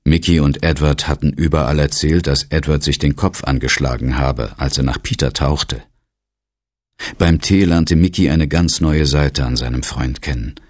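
Very deep, husky male narrator. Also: normal speed, no echo, clean studio sound. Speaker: audiobook narrator. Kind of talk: scripted narration.

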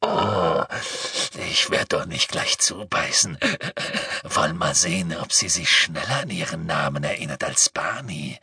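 A man voicing a savage male werewolf who gloats over his captives, speaking slowly in a rasping, half-whispered growl. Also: extremely low pitch, bright, forceful tone, dry recording, studio quality, pitched below the performer's own voice, full character voice. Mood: menacing. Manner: slow, menacing, relishing cruelty. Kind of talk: audiobook character voice.

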